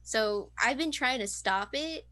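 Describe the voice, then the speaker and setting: A woman's voice: fairly high pitch, lively intonation, a little slow, a bit bright. A nineteen-year-old woman interviewed over a video call, rambling casually with lots of fillers and self-deprecating asides.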